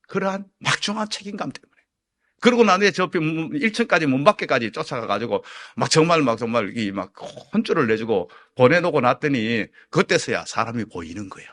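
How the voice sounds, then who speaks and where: A middle-aged male pastor preaching an evening church sermon, telling a personal story in an animated way and acting out his own shouting and the lines of others. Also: medium pitch.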